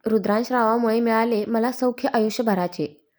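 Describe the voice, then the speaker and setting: A woman's voice: on the high side, moderate pace, darkish tone, natural voice. A woman voicing a shy, easily flustered young bride. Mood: bashful. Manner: bashful, flustered.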